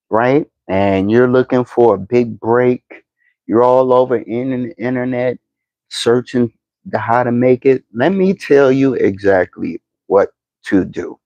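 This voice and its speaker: A man in his fifties, a podcast host giving slow, deliberate motivational advice, with frequent fillers and repeated words. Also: medium pitch, mellow, no room sound, dull audio. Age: 50s. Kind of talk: motivational talk to camera.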